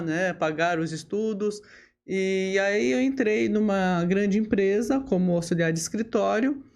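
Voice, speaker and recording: A woman tells her own story as a podcast guest. Her voice has a gravelly, fried edge, and she speaks steadily. She keeps checking in with little tag questions and pauses to fill gaps. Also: medium pitch. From Brazil. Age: 50s. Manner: steady, with frequent tag questions and hesitation fillers. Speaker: lawyer and bar association leader, podcast guest. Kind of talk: relaxed interview storytelling.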